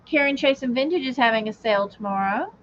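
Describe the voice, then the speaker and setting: A woman's voice: fairly high pitch, animated, fast talker, fairly bright tone. A middle-aged woman co-hosting a casual livestream chat, joking and giggling as she talks. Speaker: co-host. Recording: dull lo-fi stream audio with faint hiss.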